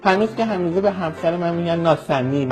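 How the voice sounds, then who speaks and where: A man's voice: high-pitched, expressive, a little mellow, soft background music. A man from Iran giving an impassioned political monologue, vehement and scornful, lecturing his listeners. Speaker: political commentator.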